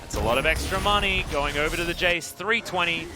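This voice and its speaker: A man with an Australian accent calling esports play-by-play, excitable and jokey. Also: fairly high pitch, music in the background. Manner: excitable, jokey, fast bursts of rising calls. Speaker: esports caster. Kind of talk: play-by-play commentary.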